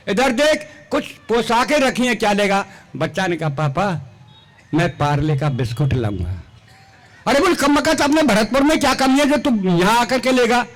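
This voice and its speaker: An older man with a very high voice tells folksy comic stories on stage. He builds each joke toward a punchline and slips into the voices of the people in his tales. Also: a bit bright. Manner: folksy, punchline-driven, voices quoted characters. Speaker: comic poet.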